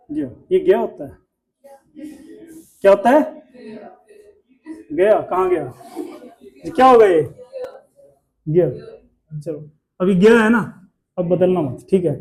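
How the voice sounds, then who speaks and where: A man's voice: sits high, mellow. A male Hindi teacher, giving a classroom lesson and drilling pronunciation by asking the class questions.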